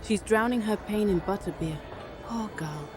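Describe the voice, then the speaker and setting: An actress playing a cautious, concerned young student who is a loyal friend, in an audio drama. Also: female voice, medium pitch, normal speed, over music, lightly acted. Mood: worried.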